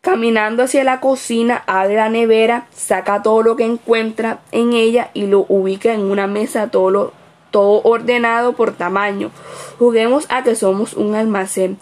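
Higher-voiced woman reading a report. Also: steady tone, normal speed. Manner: reads with slips and self-corrections. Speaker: student observer. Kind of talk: reading a written observation report aloud.

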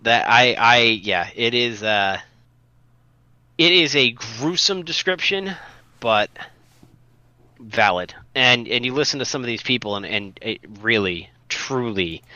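A man's voice: medium pitch, lively intonation, unhurried, pauses often, sharp tone, no echo, dull audio. A man co-hosting a casual podcast, talking earnestly with many restarts and fillers. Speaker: podcast co-host.

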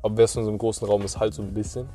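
A man's voice: fairly low pitch, little pitch movement, very fast, warm tone, faint music behind. A young man co-hosting a podcast, chatting casually with slang and eager talk about games. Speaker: podcast co-host. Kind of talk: casual chat.

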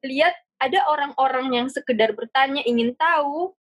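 A young woman chatting casually as a podcast guest, relaxed and slangy, often repeating words as she thinks. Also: high-pitched, moderate pace, dry recording.

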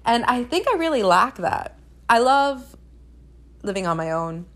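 A young woman who is a native Spanish speaker hosts a podcast, chatting casually and candidly and repeating phrases for emphasis. Her voice is a little high and fairly bright, with big pitch swings and a slightly slow pace.

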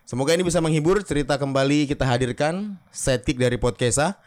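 Man, podcast host, comic storyteller, playful, slightly high voice. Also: fast, a little mellow.

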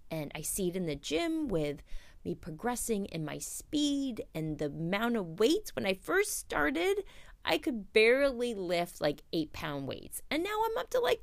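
A woman's voice: mid-range voice, vocal fry. A woman hosting a solo motivational podcast, chatting casually and candidly in an informal, confiding way. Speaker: podcast host.

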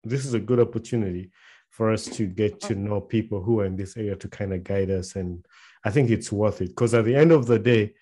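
A man's voice: lowish voice, brisk, mellow, husky. A man hosting a podcast, chatting casually and rambling a little, mixing in Luganda phrases. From Uganda. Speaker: podcast host. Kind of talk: casual interview chat.

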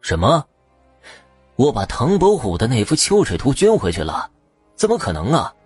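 A man playing a greedy, corrupt middle-aged official in an audio story, talking in a smug, gruff way. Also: medium pitch, wildly swooping pitch, moderate pace, faint music behind, heavily acted. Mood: shocked.

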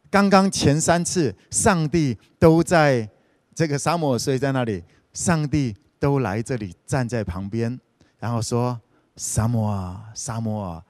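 A man's voice: fairly high pitch, darkish tone, no echo. A man preaching in a casual, storytelling way, retelling a scripture story playfully with frequent interjections. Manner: chatty, retells scripture scenes playfully, sprinkles "OK".

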